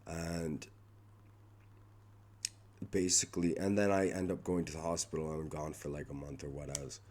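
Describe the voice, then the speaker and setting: A young man rambling through a personal vlog update, halting and restarting often, his voice going hoarse. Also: a bass voice, level tone, darkish tone. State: losing his voice. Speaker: vlogger.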